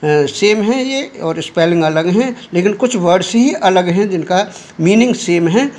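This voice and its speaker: A man with an Indian accent teaching a lesson in Hindi and English, speaking slowly and deliberately with many fillers. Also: sits high, animated, darkish tone. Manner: slow and deliberate, many "uh" fillers, addresses students as children.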